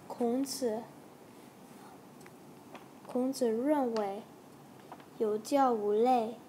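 A woman teacher slowly reading a simple story aloud for learners, with careful, halting phrasing. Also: fairly high pitch, mellow, a little hiss or hum, poor audio.

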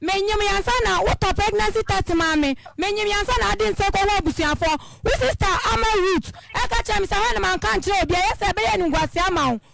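A woman accuses her former partner on a radio show, emphatic and insistent. Her voice is very high and strongly gravelly, and she talks at a rapid clip. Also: fairly bright tone. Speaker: caller in a dispute.

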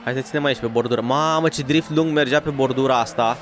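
A male gaming YouTuber talks through a racing game in excitable, slangy bursts, calling out points and teasing his viewers. His voice sits at an ordinary mid pitch. Faint engine and game noise runs underneath. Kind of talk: let's play commentary.

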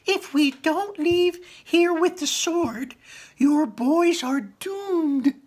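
A man voicing an urgent female manticore in a high, strained, insistent voice. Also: very slow, exaggerated voice.

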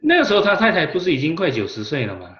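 Animated man in a study group. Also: on the high side, racing, lo-fi sound. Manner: brief listener responses and questions.

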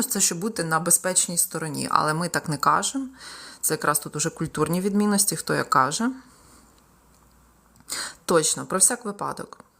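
A young woman with a Ukrainian accent, a tutor running a live exam-prep lesson, mixing Ukrainian explanations with English example sentences she reads out slowly. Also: fairly low pitch, vocal fry, bright, forceful tone.

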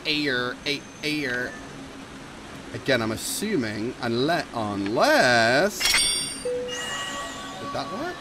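Over game music, a man in a medium-pitched voice rambles casually while he plays on stream. He keeps turning to his chat to answer and thank viewers between moves. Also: very animated, very slow, pauses often. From England. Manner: chatty, reads and thanks chat while playing. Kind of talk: casual live-stream commentary.

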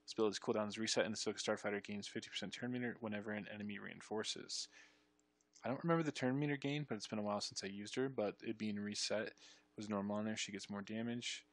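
A young man streaming, reading game ability text aloud and reacting with excited bursts in casual commentary. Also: on the low side, fast, no room sound. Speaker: streamer reviewing game ship changes.

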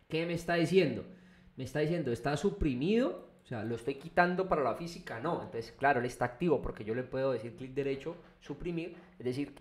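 A man's voice: mid-range voice, a little mellow. A man, walking viewers through an engineering program in a casual screen-recorded lesson, with frequent restarts and checks of "¿listo?". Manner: conversational, repeats "¿listo?" and restarts often. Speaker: engineering instructor. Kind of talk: screen-recorded software tutorial.

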